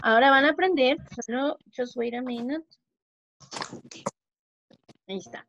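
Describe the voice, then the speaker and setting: A woman teacher talks slowly and patiently to young children on a video call, repeating each word and praising her pupils. Her voice sits high, and the call audio sounds dull and muffled. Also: fairly bright tone, slight background noise. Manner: slow, clear and encouraging, repeating words and praising pupils. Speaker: English teacher. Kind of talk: bilingual online class for young children.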